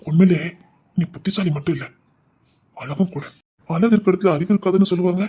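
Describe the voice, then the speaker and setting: A man with a Tirunelveli accent playing a scheming, possessive male villain who drops into slow, low, coaxing threats in a dramatic serial. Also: darkish tone, slightly rough. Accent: Tirunelveli Tamil.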